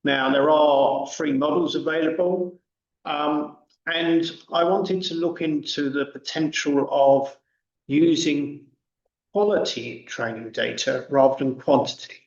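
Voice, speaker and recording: A man presenting academic research at an online conference, halting, with long pauses. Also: a little high. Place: indoors, online video conference call. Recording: roomy, distant, dull online call audio.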